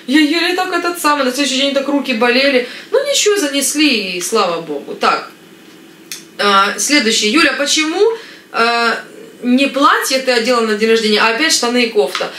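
A woman in her thirties from Ukraine chatting casually to camera in a family vlog, lively and talkative. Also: high voice, brisk, roomy sound, a little hiss or hum. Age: 30s. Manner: chatty, lively, gestures with hands. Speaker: family vlogger. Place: living room with floral curtains, indoors.

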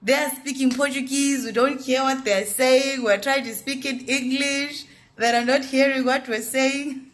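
A woman's voice: high-pitched, steady tone, measured pace. A young woman with a Southern African accent chatting informally for a casual vlog in a small room. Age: young adult. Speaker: vlogger. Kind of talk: casual vlog chat, mixing in Bantu-language words. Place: small hotel room, indoors. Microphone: phone at arm's length. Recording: noisy handheld phone recording.

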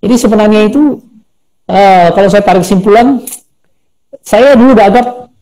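A man's voice: sits high, normal speed, low-quality recording. A middle-aged man, a coach and speaker, telling stories in a live interview and acting out the voices of the people he quotes. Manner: animated, acts out quoted voices. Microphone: phone or video call.

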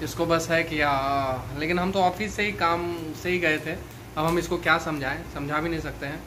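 A man's voice: on the high side, fairly even intonation, moderate pace, noisy background. A man in his thirties filming a casual family vlog in a small room at home, pleading with his wife and sounding exasperated. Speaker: vlogger husband. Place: small home bedroom, indoors.

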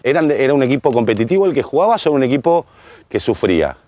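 A man with a Rioplatense Spanish accent hosting a casual outdoor interview, joking and chummy with quick questions. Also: medium pitch, sing-song, a little mellow, no echo. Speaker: show host. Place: outdoor garden bar.

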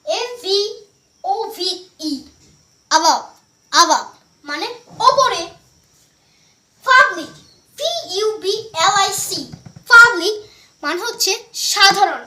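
Woman pronunciation teacher, very high bright voice, spells words out and repeats them, echoey room. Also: expressive, slow pace.

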